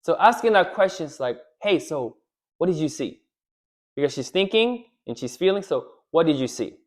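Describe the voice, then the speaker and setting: A man giving relationship advice straight to the camera, animated, often checking in with "right?" and acting out what a wife might say. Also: fairly high pitch, normal speed. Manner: animated, repeats "right?", acts out quoted lines. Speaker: relationship coach. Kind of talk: direct-to-camera advice talk.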